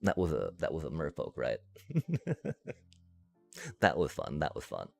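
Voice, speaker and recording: Brief: deep, gravelly male streamer, swears and laughs through his frustration. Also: wildly swooping pitch, unhurried, a little mellow, faint music behind. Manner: frustrated, profane ranting with frequent laughs. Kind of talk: casual gameplay commentary.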